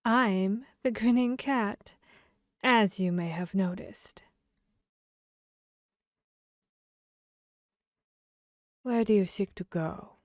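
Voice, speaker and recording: A woman's voice: mid-range voice, dry recording, studio quality, lightly acted. A woman voicing a grinning, fickle cat from Wonderland, playful and riddling, in an ASMR fantasy roleplay. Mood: sly, welcoming. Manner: slow, playful, riddling drawl. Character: grinning Cheshire cat, teasing, fickle, mad Wonderland creature.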